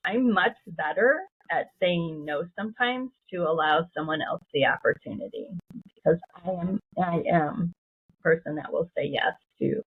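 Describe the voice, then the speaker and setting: A woman's voice: sits low, husky. A woman podcast host and coach, speaking in an affirming, encouraging way in a casual interview. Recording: tinny phone-like line.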